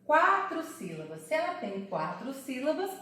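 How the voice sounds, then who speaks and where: A woman teaching a Portuguese lesson for children, sounding out words slowly syllable by syllable. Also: high-pitched, big pitch swings, a bit bright, heavy reverb, recorded from a distance. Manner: slow, syllable-by-syllable explaining.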